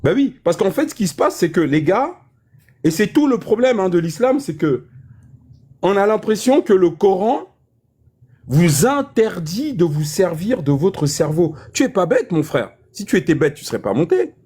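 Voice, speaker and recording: A man's voice: sits high, very animated, normal speed, dark tone, breathy edge. A man lecturing insistently in a heated public debate, repeating his points. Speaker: debate speaker.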